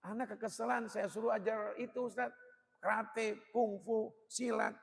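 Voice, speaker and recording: A man voicing an embarrassed middle-aged father who complains, sheepish and quieter. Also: high voice, level tone, normal speed, gravelly. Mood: complaining. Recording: long hall reverb.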